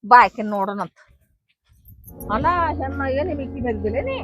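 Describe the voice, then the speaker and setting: A woman's voice: on the high side, slightly rough, faint music behind. A woman with a North Karnataka accent acting a scolding mother-in-law in a village comedy skit, consoling one girl and railing at another. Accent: North Karnataka Kannada. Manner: scolding, consoling, fast and lively.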